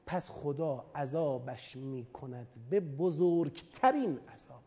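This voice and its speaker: A man giving a Quranic commentary lecture, swinging from hushed low emphasis to loud insistent bursts and explaining through everyday craftsman and customer comparisons. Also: husky. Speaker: preacher teaching Quran commentary.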